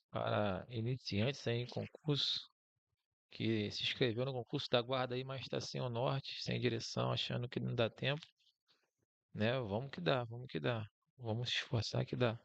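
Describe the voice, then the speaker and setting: Brazilian guy teacher going thru slides, super gravelly, dry close mic. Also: mid-range voice, fairly even intonation, normal speed, no echo, lo-fi sound. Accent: Brazilian Portuguese. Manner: casual, encouraging, talks through slides. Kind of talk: online lesson with slides.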